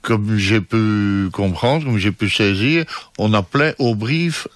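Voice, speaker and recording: A man's voice: lowish voice, slow, no echo. A man hosting a radio interview in a studio, affirming and repeating his guest's words. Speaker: radio host.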